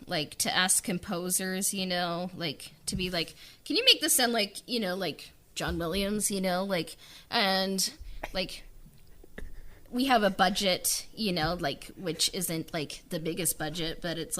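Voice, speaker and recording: A writer-director chats informally on a podcast in a casual interview, speaking with noticeable hesitancy. Her voice is on the low side with a fairly bright tone.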